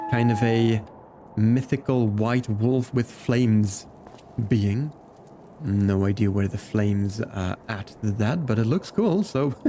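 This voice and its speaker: A Belgian man who learned English as a second language from video games chats casually with viewers during a live game stream, greeting them by name. His voice is medium-pitched with a dark tone, and there is slight background noise.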